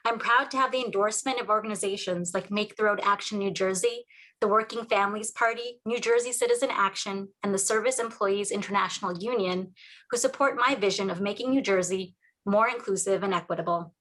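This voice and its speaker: A woman running for office, giving a polished, steady, prepared opening statement. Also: mid-range voice, brisk, low-quality recording. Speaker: political candidate.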